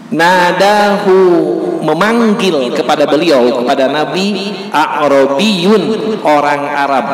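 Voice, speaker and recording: A man preaching with a Sundanese accent, telling a story slowly and deliberately and acting out the shouted calls in it. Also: fairly high pitch, a little hiss or hum. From West Java, Indonesia. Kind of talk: sermon. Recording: echoey hall with faint ambience.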